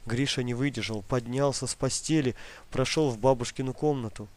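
A man narrating literary prose in a calm, measured audiobook reading. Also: medium pitch.

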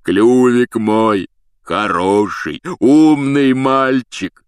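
A big, soft-hearted gamekeeper with a hoarse, halting voice, as a male reader puts him on. He talks very slowly in a low register. The audiobook recording is dry and close. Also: no room sound, exaggerated voice. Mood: sobbing joy. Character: huge gruff man, soft-hearted gamekeeper.

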